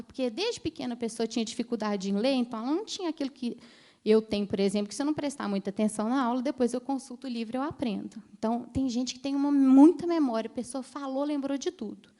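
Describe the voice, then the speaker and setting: Doctor lady, thirties, chatty conference talk, slightly high voice. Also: quick pace, dark tone. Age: 30s. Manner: chatty storytelling, addresses the audience directly. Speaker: ophthalmologist giving a conference talk.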